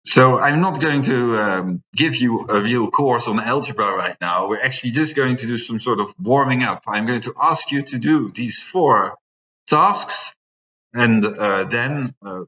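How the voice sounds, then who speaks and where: With a mid-range, bright and forceful voice, this English-speaking man in his forties talks a little slowly as he lectures on math at a classroom whiteboard. He's a university lecturer, explaining each step with frequent fillers. The far-off camera mic gives a dull, roomy sound.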